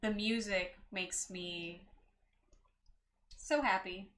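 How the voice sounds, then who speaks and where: A woman's voice: mid-range voice, steady tone, extremely slow, a bit bright. Female streamer, casual gameplay chat, playful and giggly, mid-range voice. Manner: playful, giggly, jokes about mispronouncing names. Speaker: game streamer.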